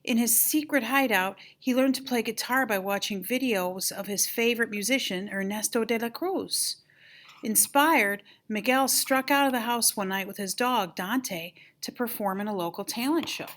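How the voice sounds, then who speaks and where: Reading a children's story at a moderate pace, an older woman speaks in a slightly high, grandmotherly voice. Her delivery is animated, with dramatic stress on the exclamations and important moments.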